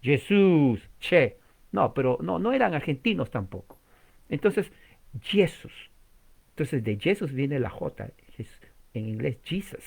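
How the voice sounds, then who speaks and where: A man's voice: medium pitch, sing-song, unhurried, gravelly, a little mellow, slightly rough. Man preaching with rhetorical questions. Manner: teaching with many rhetorical questions, sudden emphatic rises; spells out and repeats words for emphasis. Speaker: pastor. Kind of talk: sermon.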